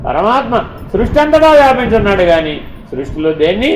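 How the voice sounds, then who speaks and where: A man teaching in a spiritual discourse, asking rhetorical questions and swinging between loud emphasis and hushed lines. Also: high voice, very animated, fairly quick. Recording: echoey room with faint ambient noise.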